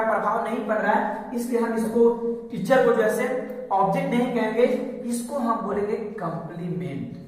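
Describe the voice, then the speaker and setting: A male teacher explains a grammar lesson step by step. He asks rhetorical questions and then answers them himself. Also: very high voice. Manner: repetitive, explains step by step with examples. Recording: echoey hall, mic far off.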